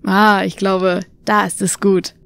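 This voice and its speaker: A woman's voice: medium pitch, flat delivery, slow pace, vocal fry, a bit bright, clear, resonant tone, dry recording. A woman voicing a cocky young prankster in a horror audiobook, with wry, casual banter. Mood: teasing.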